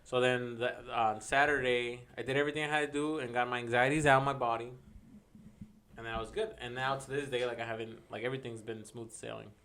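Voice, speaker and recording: A man's voice: mid-range voice, steady tone, fast, fairly bright tone, a little hiss or hum. A man co-hosting a podcast in casual banter, teasing and interjecting, often repeating his phrases. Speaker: podcast co-host.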